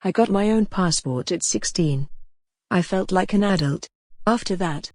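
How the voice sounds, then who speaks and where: Woman reading a slow, clear grammar lesson. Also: on the low side, a little mellow, no echo, clean studio sound. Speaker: English teacher.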